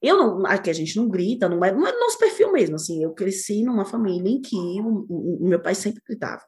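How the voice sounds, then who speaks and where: Lively, fast-talking Brazilian woman. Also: medium pitch. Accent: Brazilian Portuguese. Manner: expressive, laughs often, quick bursts of emphasis. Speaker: guest speaking on nonviolent communication. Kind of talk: animated conversational explanation.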